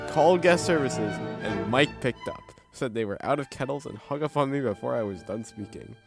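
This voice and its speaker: A man's voice: mid-range voice, animated, fairly quick, gravelly. A man hosting casually, reading online reviews aloud in amused disbelief. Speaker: video host. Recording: background music under the voice. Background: music.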